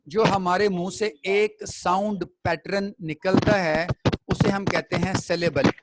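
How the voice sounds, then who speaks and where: A man's voice: high-pitched, fairly even intonation, a little slow, very noisy. A man teaching a classroom poetry lesson. He explains step by step and keeps checking that the students follow.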